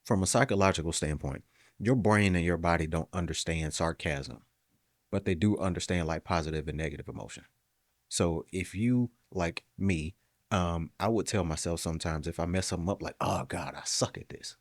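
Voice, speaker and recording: Man, deep voice, dry close sound, animated motivational storyteller in casual podcast chat. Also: no room sound.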